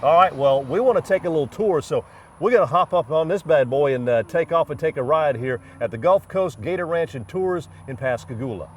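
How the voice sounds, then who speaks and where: A man's voice: fairly high pitch, lively intonation, a little fast, slight background noise. Man presenting outdoors, slightly distant. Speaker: host. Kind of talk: casual on-location presenting. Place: outdoors at a swamp ranch.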